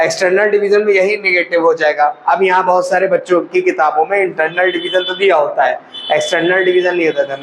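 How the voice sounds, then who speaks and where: A man's voice: high voice, fairly bright tone, slight background noise, low-quality recording. Man teaching maths, quizzing aloud. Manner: asks students questions and answers them himself; addresses students as brother and child. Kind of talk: classroom lesson explanation.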